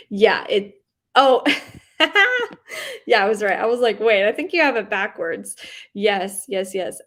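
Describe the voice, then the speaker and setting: This booktube host, a young woman, casually chats with her livestream audience and reads their comments aloud. Her mid-range voice wanders from point to point with giggles and lots of likes and ums, and a hint of a Southern US accent colors some words.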